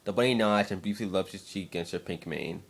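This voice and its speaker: Reading fan fiction a little fast, this man has a fairly low voice and an expressive, dramatic delivery. He occasionally fumbles a word along the way.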